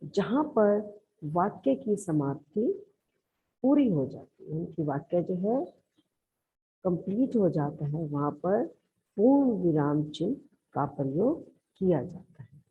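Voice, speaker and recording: Woman, teacher, Haryanvi Hindi accent, patient classroom explaining, lowish voice, lo-fi recording. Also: big pitch swings, takes it slowly, pauses often, slight background noise. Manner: explains patiently, calls listeners "beta". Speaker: school teacher. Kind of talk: classroom grammar lesson. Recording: lo-fi, narrow band.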